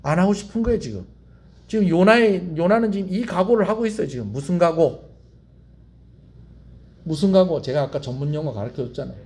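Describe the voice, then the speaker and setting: A male pastor, preaching a sermon as animated storytelling full of rhetorical questions and call-and-response. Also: high-pitched, a little fast, long pauses. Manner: leads the congregation in call-and-response.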